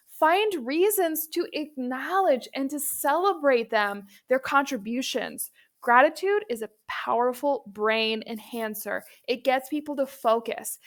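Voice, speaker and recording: High-voiced woman teaching public speaking. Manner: instructive, addresses viewer directly. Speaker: public speaking coach, presenter. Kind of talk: instructional video commentary.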